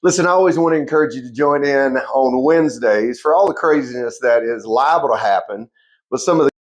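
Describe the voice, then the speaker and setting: A man giving an enthusiastic recorded shout-out promoting the station. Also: mid-range voice, brisk.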